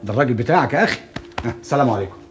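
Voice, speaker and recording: An actor playing an Egyptian friend who keeps telling two quarreling men to calm down. He talks briskly in Egyptian-accented Arabic at a middle pitch. Clear music sits under the scene of this TV drama. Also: lightly acted. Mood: soothing. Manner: soothing, placating.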